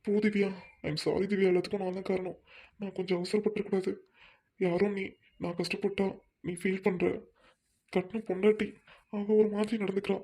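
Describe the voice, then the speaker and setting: A woman's voice: mid-range voice, flat delivery, fairly quick, pauses often, dark tone, slightly rough, natural voice. A woman voicing a troubled young husband, a doctor, who apologizes and snaps in anger by turns. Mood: distressed. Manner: apologetic, then snapping in anger.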